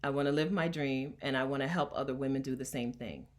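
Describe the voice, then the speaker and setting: A Delaware-based coach chats with her livestream audience, emphatic and full of laughter in a casual setting. Her voice is a low rumble, and she talks fast.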